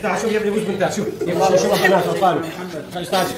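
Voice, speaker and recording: Loud man urging a crowd. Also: high voice, fairly even intonation, very fast. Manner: loud, commanding, urging and encouraging. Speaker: faith healer. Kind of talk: leading a public healing session. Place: large indoor hall. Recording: echoey hall from far off, loud crowd.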